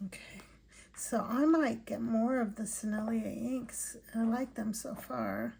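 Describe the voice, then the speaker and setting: Woman, tired, soft-spoken, unhurried, slightly high voice, husky tone, thinking aloud, casual art chat. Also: steady tone. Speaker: art channel host. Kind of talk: casual chat while swatching paints.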